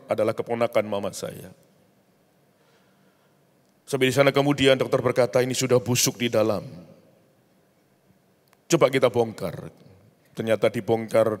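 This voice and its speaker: A man preaching, telling a personal story with emotional rises. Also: mid-range voice. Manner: storytelling, rising into emotional outbursts. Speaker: pastor. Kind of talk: sermon testimony. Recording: long hall reverb.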